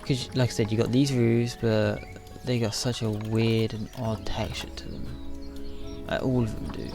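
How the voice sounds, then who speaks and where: A man's voice: on the low side, little pitch movement, a little slow, gravelly, music in the background. A sleepy, yawning man rambling to himself with lots of fillers as he builds in a game. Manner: rambling, self-talking, frequent fillers. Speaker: gaming video creator. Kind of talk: casual commentary while building in a game.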